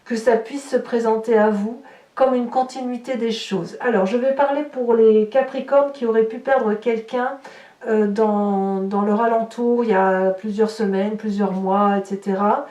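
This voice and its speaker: With a warm, fairly high voice, steady tone, and measured pace, a woman gives her viewers an unscripted tarot reading. She hosts tarot and horoscope content, explaining as she goes and thinking aloud for words, and the recording sounds distant and echoey.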